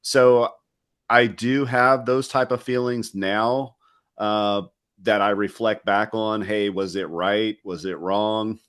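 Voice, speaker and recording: Reflective middle-aged man, low voice. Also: flat delivery, slow, fairly bright tone, clear, resonant tone. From West Virginia. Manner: reflective and candid, loose with fillers like "you know". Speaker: guest, retired special forces soldier. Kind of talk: casual interview talk.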